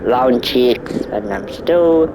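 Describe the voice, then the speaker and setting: A man's voice: mid-range voice, lively intonation, takes it slowly, vocal fry, noisy background. A nineteen-year-old man reading a visual novel aloud, stumbling over words and breaking off for joking asides. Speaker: gaming YouTuber.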